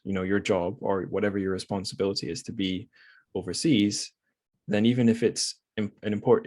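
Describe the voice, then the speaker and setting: A Scottish man with a low, slightly mellow voice hosts a podcast, recorded dry and at studio quality. He talks about books in a casual, reflective way, rambling, wry, and often correcting himself.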